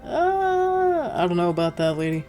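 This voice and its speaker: A woman's voice: lowish voice, big pitch swings, unhurried, warm tone. A young woman doing casual, slangy let's-play commentary, chatting back at the game as she goes. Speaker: gaming video host. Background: faint game music.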